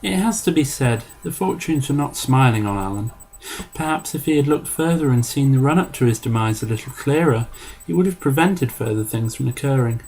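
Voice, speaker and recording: A man reading a story aloud in an amateur storybook narration, measured and dry. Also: mid-range voice, expressive, darkish tone, a little hiss or hum, rough recording. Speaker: story reader.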